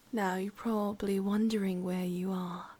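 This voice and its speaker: In an ASMR roleplay, a woman with an English accent plays a sadistic, possessive forest witch, half-whispering and teasing through drawn-out phrases. Her mid-range, natural voice is a little mellow and slightly rough, and she sounds taunting and amused.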